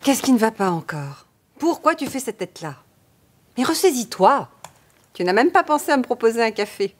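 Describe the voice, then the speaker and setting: A woman's voice: fairly high pitch, sing-song, moderate pace, breathy edge. A scornful, scolding woman. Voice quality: scolding, sharp-tongued. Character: scornful bossy young woman. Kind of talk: film acting.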